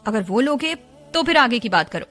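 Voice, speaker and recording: A woman's voice: a little high, lively intonation, normal speed, fairly bright tone, soft background music. A woman voicing an impatient young heroine in an audio story, speaking curtly and firmly. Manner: curt, firm and impatient.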